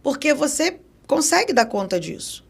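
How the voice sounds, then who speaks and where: A woman in her forties from Brazil, a podcast guest telling her story in a casual, animated interview. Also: high-pitched, normal speed, creaky. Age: 40s. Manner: animated, acts out remembered dialogue. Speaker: podcast guest, psychoanalysis educator.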